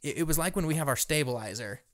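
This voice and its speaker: A man from Kansas co-hosting a casual podcast, retelling a story in a fast rambling way with lots of fillers and swearing. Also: fairly high pitch, lively intonation, no room sound, clean studio sound. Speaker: podcast co-host. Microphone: podcast microphone.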